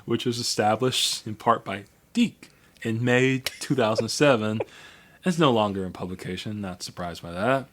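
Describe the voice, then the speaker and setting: A man's voice: fairly low pitch, moderate pace, a bit bright. A man co-hosting a podcast in casual chat, rambling through a history with many fillers and restarts. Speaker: podcast co-host.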